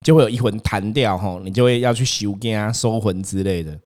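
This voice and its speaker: A young man, hosting a casual chat and telling his own ghost story in an animated way, acting out the voices in it. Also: fairly quick. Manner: animated, acts out quotes, rises in pitch when scared.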